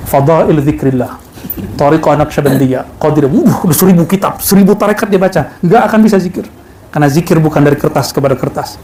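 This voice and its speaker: A man gives a religious lecture to a listening audience, and his voice is dark and mellow. He moves between playful asides and recited Arabic verses in a lively preaching manner. There is a faint noise behind him. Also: on the high side, poor audio. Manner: talks to a live audience. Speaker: religious teacher.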